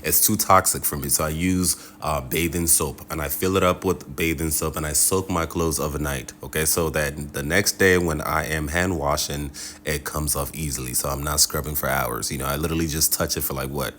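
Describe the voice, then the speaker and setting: Man, extremely low pitch, forceful bright tone, casual vlog chat, animated, colloquial. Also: fairly quick, a little hiss or hum. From Nigeria. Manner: animated and colloquial, with frequent check-in tags. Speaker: travel vlogger. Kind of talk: casual vlog talk to viewers.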